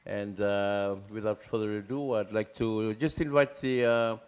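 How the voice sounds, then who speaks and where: A man acts as master of ceremonies, haltingly introducing a speaker and checking in with the audience. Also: lowish voice, steady tone, clear, resonant tone. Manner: halting, engages audience with tag questions. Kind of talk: informal live introduction. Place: indoor hall, standing at a lectern.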